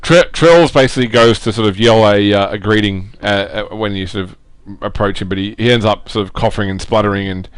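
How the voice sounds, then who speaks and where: A man's voice: on the low side, fairly quick, few pauses, clear, resonant tone, no echo. A man narrating as game master of a tabletop game, describing scenes in a hesitant way with many fillers.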